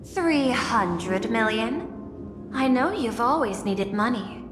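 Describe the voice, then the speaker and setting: An actress playing a cool, calculating artificial intelligence chief executive in a game, formal, composed and precise, with a dry teasing edge. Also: female voice, a little high, expressive, slow pace, echoey room, in a large hall, music in the background. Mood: coolly bargaining. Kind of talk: dramatic game voice acting.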